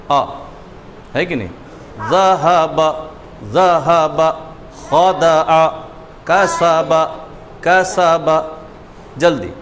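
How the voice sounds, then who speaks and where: Male teacher, slightly raised pitch, patient and unhurried, recorded in a reverberant room with faint crowd noise. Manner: patient, drills syllables, often asks "isn't it?". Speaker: Quran recitation teacher. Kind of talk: reading lesson with drills.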